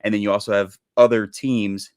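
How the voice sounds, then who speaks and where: A man's voice: on the low side, little pitch movement, moderate pace, no echo, studio quality. A man co-hosting a sports podcast, chatting casually and rambling with lots of fillers. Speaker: podcast co-host. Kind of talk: casual chat.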